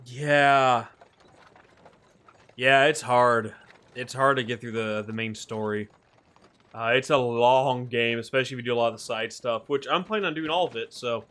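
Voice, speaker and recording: A man's voice: mid-range voice, a bit bright. A man streaming a game, chatting casually and rambling about what he has played. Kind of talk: casual gaming stream chat. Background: faint game music.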